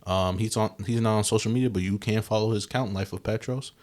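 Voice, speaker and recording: A young man with a very low, deep voice chats casually on a podcast. He rambles, backs up and restarts his sentences, and leans on fillers as he talks. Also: steady tone, fast talker, a little mellow. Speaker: podcast co-host. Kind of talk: casual chat.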